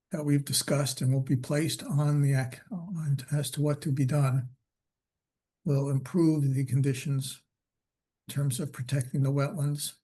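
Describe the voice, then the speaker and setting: A man chairing a public commission meeting by video call, talking in a halting way with many fillers, his voice worn from losing it. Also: medium pitch, warm tone.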